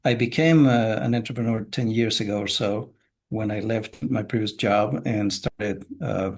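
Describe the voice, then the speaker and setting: With a fairly low, darkish and husky voice, this middle-aged man from Chile chats as a guest on a podcast. He's a business coach, and he speaks casually and measuredly, dropping in plenty of filler sounds.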